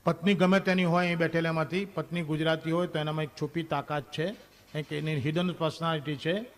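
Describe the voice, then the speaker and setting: On stage before a live audience, a man performs a stand-up comedy monologue, telling animated stories and acting out quoted lines from a wife and a husband. English phrases are mixed in. His voice is on the high side and his delivery brisk.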